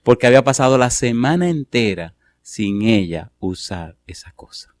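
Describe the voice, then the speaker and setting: A man's voice: medium pitch, lively intonation, normal speed. A middle-aged man preaching a sermon to a live church audience, telling a story and asking rhetorical questions. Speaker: pastor.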